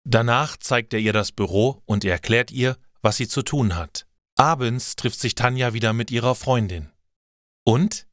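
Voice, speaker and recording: A man reading simple stories aloud for language learners, slow and clear. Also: mid-range voice, fairly bright tone, dry recording, studio quality. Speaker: narrator. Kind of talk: scripted narration for language learners.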